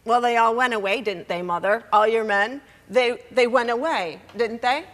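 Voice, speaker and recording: A woman's voice: fairly high pitch, normal speed, fairly bright tone, long reverb tail, close to an everyday voice. A woman playing a tipsy grown daughter who is blunt, sardonic and cold toward her mother in a stage play. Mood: bitter. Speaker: actor.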